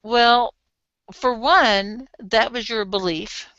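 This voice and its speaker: Woman coach, frank and lively, bright crisp voice, dry close sound. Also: a little high, slow pace, no echo, highs cut off. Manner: lively, frank, laughs easily. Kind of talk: coaching session.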